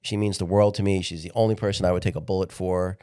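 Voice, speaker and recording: Candid sixty-year-old man, low smooth voice. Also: little pitch movement, darkish tone. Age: 60s. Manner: candid, halting, repeats words when restarting. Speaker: podcast guest. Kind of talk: casual conversational interview.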